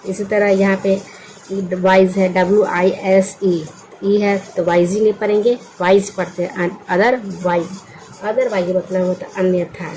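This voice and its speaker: A woman gives a patient English spelling lesson in a mellow, warm voice. She breaks each word into letters, asks her listeners what they make, then repeats the answer. A faint hum of ambient noise sits behind her. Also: mid-range voice, steady tone, unhurried, low-quality recording. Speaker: English teacher.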